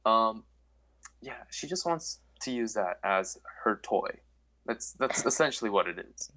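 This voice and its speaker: A man's voice: fairly low pitch, animated, a little slow, sharp tone, poor audio. A brash man on a podcast hands out blunt, joking advice. His voice rises and falls a lot as he rambles on, in a plain casual chat. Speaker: podcast co-host. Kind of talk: casual chat among friends.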